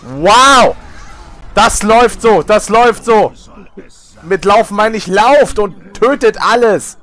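A young man chatting casually while gaming, loud and excitable, often shouting and swearing. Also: high-pitched, unhurried. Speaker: gamer, channel host.

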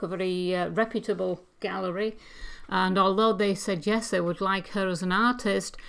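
A woman presenting paintings for an auction preview, speaking in a measured, appreciative way with frequent pauses. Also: mid-range voice, smooth. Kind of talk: art commentary on paintings.

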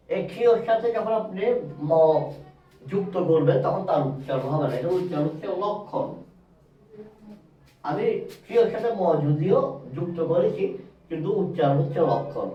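A man teaching a grammar lesson at a whiteboard, speaking straight to his viewers, spelling out letters and repeating each rule slowly. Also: high-pitched. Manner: addresses viewers directly, self-correcting. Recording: roomy, distant, dull sound.

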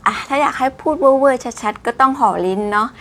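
A woman giving a casual English vocabulary lesson, drawing out each word slowly with exaggerated mouth shapes. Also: high voice, pushed and bright. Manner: exaggerated slow pronunciation of English words; chatty, polite particles.

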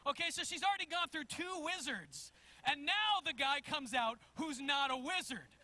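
A man preaching a sermon as pastor in a church, telling a story in an animated way and chuckling as he goes. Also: extremely high pitch, normal speed. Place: church sanctuary.

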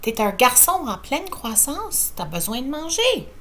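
A woman's voice: high-pitched, big pitch swings, measured pace, a bit bright, voice pushed up, heavily acted. A woman voicing a patient but firm mother, speaking. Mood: motherly.

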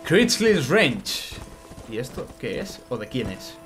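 A man giving chatty, excitable let's play commentary and greeting his chat. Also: mid-range voice, slow, soft background music. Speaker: gaming streamer.

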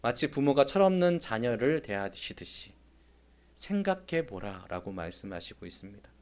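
A man preaching a sermon as pastor, acting out a prophet's angry, sarcastic complaints in sudden loud bursts. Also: mid-range voice, sing-song, moderate pace, dull audio. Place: church sanctuary.

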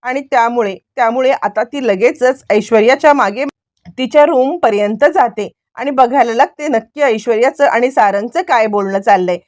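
A woman retelling a TV serial episode as a brisk story recap, with many repeated fillers. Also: a little high, darkish tone, no room sound, studio quality.

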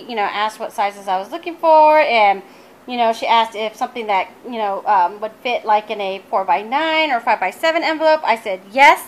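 Bubbly high-voiced woman gushing over a craft unboxing. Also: fairly bright tone. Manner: bubbly, gushing, many fillers and "you guys". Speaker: crafting vlogger. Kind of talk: casual unboxing vlog.

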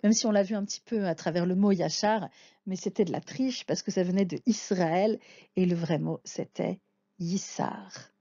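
A woman's voice: lowish voice, normal speed, dark tone, dry recording, highs cut off. A woman teaching a language lesson, patiently naming and sounding out letters one by one. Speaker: Hebrew teacher. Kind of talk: slow spoken lesson.

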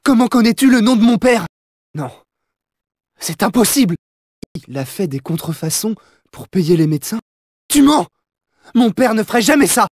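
A young gentleman thief, plucky and loyal at heart, speaks in a French video game dub with a showy, cocky delivery full of punchy catchphrases. Here he sounds shocked and defiant, heavily acted, with lively swings in pitch. The recording is close and dry, with no room sound.

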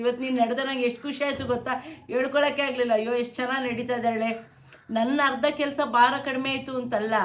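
A middle-aged mother with a Kannada accent speaks in a fairly high voice, pleading with and scolding her listeners. The sound carries a noticeable room echo. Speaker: mother of a vlogger. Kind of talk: emotional family talk.

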